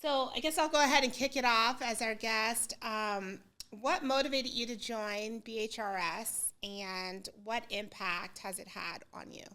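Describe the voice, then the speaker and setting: A middle-aged woman co-hosting a casual talk show, relaxed and quick to laugh. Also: a little high, clear, resonant tone. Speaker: podcast co-host. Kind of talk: casual chat.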